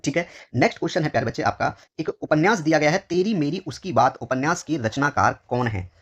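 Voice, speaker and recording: The recording is muffled, but the fairly high, animated voice is clear enough: an Indian teacher of Hindi reviewing exam questions. In this walkthrough lesson he says each phrase slowly twice over, calls his students dear children, and lets his voice fall on every answer word.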